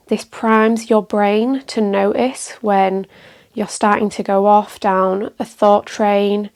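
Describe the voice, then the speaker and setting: Leading a guided meditation, this woman speaks at a medium pitch with a slight creakiness around the edges of her voice. Her pace is slow and unhurried, and her calm, gentle instructions come with deliberate pauses.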